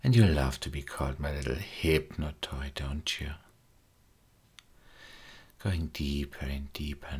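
Soft-spoken and slow, a hypnotist guides a trance recording in a very deep voice with a breathy edge. He often slips into whispers, repeating coaxing phrases.

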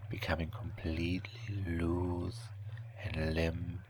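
Male hypnosis narrator: very low, unhurried, hushed and breathy, extremely flat delivery. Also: background noise. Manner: slow, soothing, hushed delivery. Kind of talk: hypnosis relaxation, scripted narration.

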